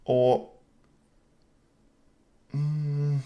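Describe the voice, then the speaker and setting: On dull audio, a man with a voice on the high side talks very slowly and flatly while hosting a live stream. He offers casual commentary, reads out and answers viewer comments, and rambles with self-deprecating remarks.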